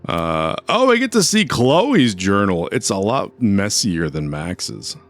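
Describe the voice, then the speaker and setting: A man's voice: lowish voice, big pitch swings, slow pace, soft background music. A man streaming a video game, chatting casually and rambling as he answers his chat. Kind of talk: casual gameplay commentary.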